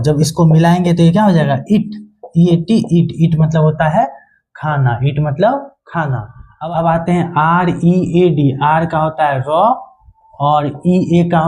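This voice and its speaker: Hindi accent guy doing phonics for kids, kinda high but mellow voice, asks then answers himself. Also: low-quality recording. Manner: call-and-response questioning, spelling letters aloud. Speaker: teacher. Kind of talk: phonics lesson for children.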